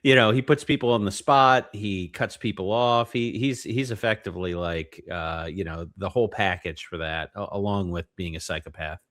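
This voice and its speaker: A man's voice: deep voice, moderate pace, hardly any pauses, a bit bright. A man co-hosting a retro gaming podcast, talking casually with lots of fillers and restarts. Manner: hesitant, many fillers and restarts. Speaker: podcast co-host.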